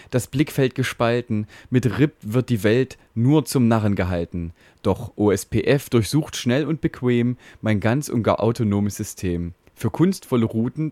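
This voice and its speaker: A man's voice: medium pitch, dark tone, dry recording, close to an everyday voice. A man voicing a proud, fatherly router. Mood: boastful. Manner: rhyming ballad recitation, soothing and self-important. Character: boastful network router, male, fatherly. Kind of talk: comic poem recitation.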